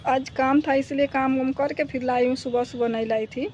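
High-voiced woman vlogging on a rooftop. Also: steady tone, a little fast, darkish tone, a little hiss or hum. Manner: chatty, repeats herself, talks to her dog. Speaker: vlogger and dog owner. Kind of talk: casual vlog narration to viewers. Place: rooftop outdoors during thunderstorm. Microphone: phone camera.

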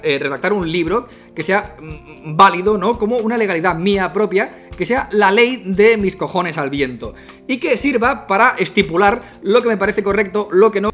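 A man telling crude comic anecdotes in a vlog, animated and acting out the people he quotes. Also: high voice. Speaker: vlogger. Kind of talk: comic storytelling monologue.

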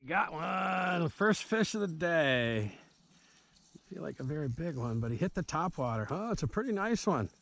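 A middle-aged man fishing from a small river boat chats easily with a boy, coaching and encouraging him in a casual outdoor vlog captured by a boat-mounted action camera. His voice is a little high and a bit bright, very animated, at a moderate pace. Faint outdoor noise comes through the recording.

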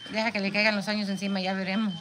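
A woman's voice: medium pitch, rapid-fire, rough recording. A young woman recovering from neck surgery, cracking jokes in casual family chat that mixes Spanish and English. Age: young adult. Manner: wisecracking, joking. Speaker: patient after neck surgery. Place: hospital room. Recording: hospital room with steady background noise.

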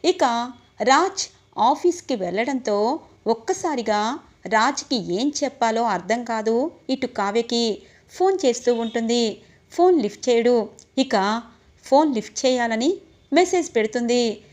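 Higher-voiced woman narrating a story recap. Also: lively intonation, a little mellow. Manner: quick storytelling, reads all characters' lines in her own voice.

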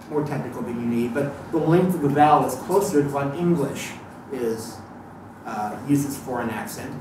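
A man's voice: mid-range voice, distant mic. A man giving a live lecture to an audience, thoughtful and digressive, with frequent restarts and fillers. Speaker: lecturer on Thelema. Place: lecture room. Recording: echoey room recorded from afar, faint noise.

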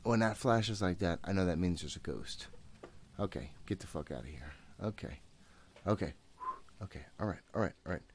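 With a low voice, lively intonation and normal speed, this streamer in his thirties jumps and swears his way through a horror game while talking to himself. He uses a desk microphone near his mouth in a small room at home, and a slight hiss or hum can be heard.

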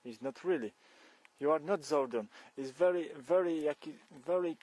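With a fairly high, slightly mellow voice at a moderate pace, a young Polish man vlogs while cycling a forest trail and fields. He jokes his way through a one-sided phone call in broken, Polish-accented English, punctuated by shocked exclamations. He films with the camera held close at arm's length.

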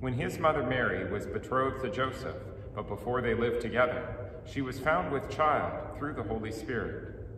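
A middle-aged man speaks as a priest at a church service in a solemn, measured manner, at a medium pitch. His voice rings with a long cathedral echo and sounds set back from the microphone, with faint noise in the room. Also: animated, fairly bright tone. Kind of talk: liturgical chant, gospel reading and homily. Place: indoors in a church. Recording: echoey church hall, distant, noisy background.

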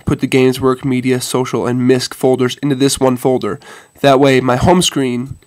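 Stuffy-nosed from a head cold, a man walks viewers through a casual phone tech tutorial, hesitant and informal, addressing them as "guys." His congested voice is medium-pitched, monotone and a little mellow, at a moderate pace with no echo.

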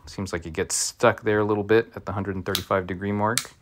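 A man's voice: fairly low pitch, fairly even intonation, brisk, noisy background. A man giving a casual product review of tools, with wry, joking asides. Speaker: tool reviewer.

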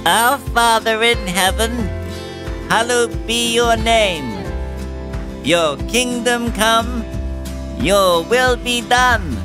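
A man and a woman speaking together in unison, reciting a prayer slowly and steadily, word by word. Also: extremely high pitch, music in the background. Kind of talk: slow group recitation of a prayer.

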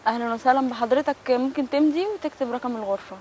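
An actress playing a courteous Egyptian receptionist greeting a guest. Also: female voice, sits high, rapid-fire, dark tone, slight background noise, lightly acted. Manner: courteous, formal. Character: polite young woman receptionist. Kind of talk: TV drama acting.

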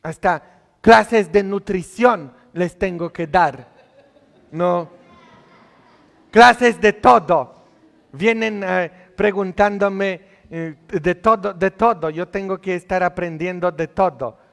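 A man's voice: sits high, slow, gravelly, in a large hall. A male priest giving a sermon, teasing and scolding the congregation with many questions. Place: church.

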